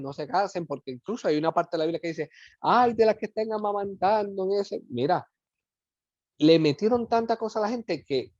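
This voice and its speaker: Puerto Rican missionary guest, animated, voice a bit high, muffled sound. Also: male voice, no room sound. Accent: Puerto Rican Spanish. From Puerto Rico. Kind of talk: explanatory talk.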